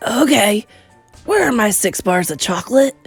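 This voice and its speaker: A woman voicing a greedy, brash young boy who makes loud, whiny demands. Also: a little high, expressive, moderate pace, breathy edge, soft background music. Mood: demanding.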